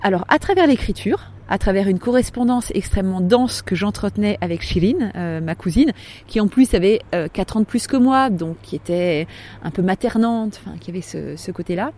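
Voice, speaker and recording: A woman in her forties telling her family story in a podcast, talking hesitantly with frequent pauses and restarts. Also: mid-range voice, expressive, a little mellow. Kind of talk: personal storytelling.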